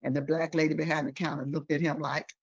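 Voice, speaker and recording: A woman's voice: sits low, flat delivery, fast, slightly rough, no room sound, dull audio. Older woman telling a personal story. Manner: emotional, acts out the people in her story. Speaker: interview guest.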